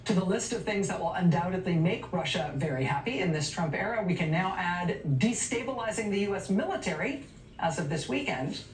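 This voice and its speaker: A woman's voice: on the low side, lively intonation, brisk, echoey room, recorded from a distance, slight background noise, rough recording. Sardonic woman hosting a news show. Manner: sardonic, emphatic delivery. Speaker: news host. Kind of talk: cable news monologue.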